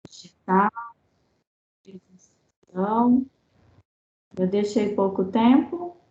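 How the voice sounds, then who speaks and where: A Brazilian Portuguese-speaking woman teaching math in an online class, her voice breaking up as her audio cuts out over the call. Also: mid-range voice. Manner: slow, patient, chatty. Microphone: USB headset mic on a laptop. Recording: choppy, echoey, dull video-call audio.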